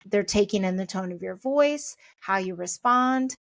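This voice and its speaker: A middle-aged woman hosting a parenting podcast, giving a chatty, encouraging pep talk and talking things through out loud. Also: medium pitch, lively intonation, a little slow, gravelly, dry recording, clean studio sound.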